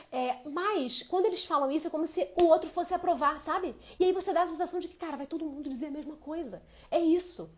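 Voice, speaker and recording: A woman hosting a live stream, telling a personal story in a casual, animated way and often checking in with her listeners. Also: a little high. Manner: animated storytelling with many tag questions. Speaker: host of a women's health live stream.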